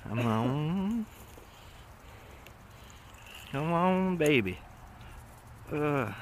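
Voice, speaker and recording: With an action camera worn on his body, a man fishes from a riverbank and vlogs, chatting in slangy, excited exclamations to himself and a companion. His voice is fairly high and animated, though his pace is extremely slow. Background noise from outside comes through clearly.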